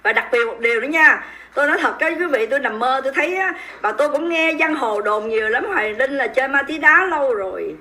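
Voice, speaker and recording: A woman's voice: sits high, animated, quick pace, pushed and bright. A woman with a Southern Vietnamese accent hosting a livestream, commenting in an emphatic, indignant and mocking way and speaking straight to her viewers. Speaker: livestream host.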